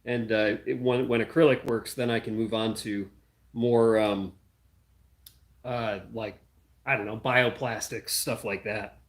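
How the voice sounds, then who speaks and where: A man's voice: on the low side, steady tone, a little slow. A young man hosting a casual livestream from his home workshop, thinking aloud with many fillers while he works on a project. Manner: working hands-on while talking.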